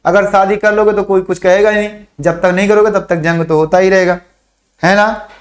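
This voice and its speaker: A man teaching a chemistry lesson, repeating memory phrases slowly for students to write down and asking and answering his own questions. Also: high voice, steady tone. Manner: drills mnemonics, repeats phrases slowly for dictation. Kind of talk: online classroom lesson.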